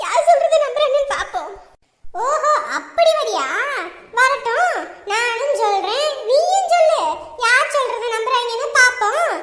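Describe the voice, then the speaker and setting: A woman playing a sharp-tongued, scheming young woman who taunts and quarrels with her family. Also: extremely high pitch, expressive, normal speed. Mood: taunting. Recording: echoey room, faint noise.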